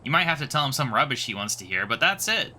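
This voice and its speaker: A man's voice: mid-range voice, sing-song, fast, pushed and bright. A man voicing a rude, greedy male pirate in a game playthrough, sneering and insulting. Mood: scornful.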